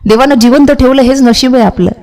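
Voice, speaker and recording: A woman's voice: sits high, fairly quick, a little mellow, poor audio. A woman kirtan preacher delivering a devotional sermon, telling stories and putting questions straight to her listeners. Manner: questions the audience directly, storytelling.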